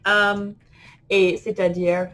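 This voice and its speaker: A woman's voice: mid-range voice, flat delivery, very slow, a bit bright. A woman teaching French grammar in an online lesson, playful and laughing often as she types and talks to herself.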